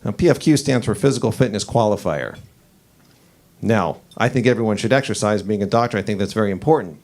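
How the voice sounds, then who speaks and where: Man in his forties doing stand-up. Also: fairly quick. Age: 40s. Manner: animated storytelling, pitch climbing as the story heats up. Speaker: stand-up comedian. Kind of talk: stand-up comedy set. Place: comedy club stage.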